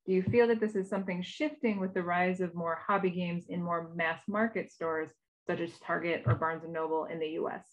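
A woman's voice: on the low side, fairly even intonation, brisk. A woman moderating a conference session over a video call, reading out audience questions with frequent fillers. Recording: dull lo-fi video call audio.

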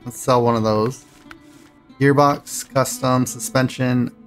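A man's voice: medium pitch, steady tone, takes it slowly, faint music behind, rough recording. A man casually commenting on his driving game as he plays, thinking aloud and rambling between choices. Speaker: gaming channel host.

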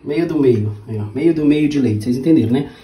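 This home cook and vlog host, a Brazilian man in his thirties with a Brazilian Portuguese accent, shows his cooking to camera while chatting and joking in slang. His voice runs on the high side at a fairly quick pace. His small kitchen is echoey, with dishes clattering and other noise.

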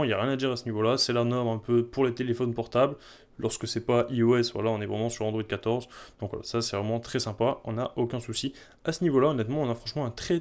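A man reviewing a phone in a relaxed, chatty way, often repeating words. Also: medium pitch. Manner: chatty, repeats "très, très" and "hop". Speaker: tech reviewer. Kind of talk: product review vlog.

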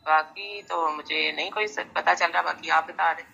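A woman's voice: on the low side, steady tone, moderate pace, creaky, pushed and bright, muffled recording, faint music behind. A woman student in an online Quran class, answering hesitantly with many fillers.

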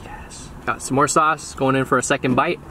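A man's voice: medium pitch, steady tone, moderate pace, sharp tone, a little hiss or hum. A young man hosting a casual food review, upbeat and slangy, talking with his mouth partly full.

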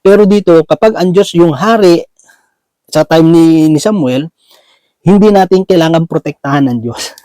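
A man delivers a sermon in a relaxed, conversational way, with a warm, dark timbre pitched a little high. He often pauses to ask his listeners "right?" and drops English words into his speech. The sound is close and dry. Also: no echo, rough recording. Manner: conversational, keeps asking "di ba?" and "no?"; searching for words, many restarts and fillers. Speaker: preacher. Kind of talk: Bible teaching sermon.

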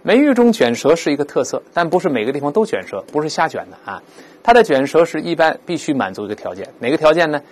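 A man gives an English vocabulary lesson in a slightly high voice with large pitch swings. He asks rhetorical questions to explain the words and repeats them slowly for pronunciation work.

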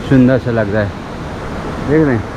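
A man's voice: mid-range voice, highs cut off. A man narrating a walking tour vlog at an outdoor temple site, chatty and admiring, talking straight to his viewers. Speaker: travel vlogger. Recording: loud waterfall noise outdoors. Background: loud rushing water.

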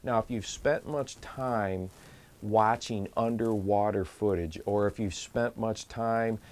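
A man's voice: on the low side, slow, darkish tone. A man in his forties hosting a fishing channel, giving earnest, emphatic tips to camera from a small indoor studio and repeating words for stress. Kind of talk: instructional to-camera talk.

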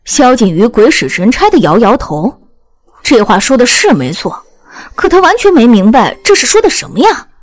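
Woman narrator for an audiobook, high-ish voice, very lively pitch. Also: normal speed.

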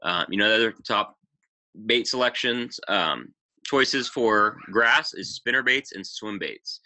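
A man in his thirties from the Pacific Northwest of the United States casually presents a fishing webinar over slides. His voice is fairly low, unhurried and sharp in tone, and he fills his speech with "you know" and "um." It was recorded on a webcam mic in a small room.

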